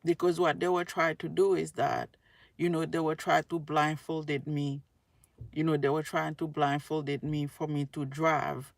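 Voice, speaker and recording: Speaking slowly in a low, gravelly voice with a level tone, a tarot reader and spiritual video creator from Haiti rambles earnestly and casually to her viewers. She tends to repeat her phrases, and the audio has no echo.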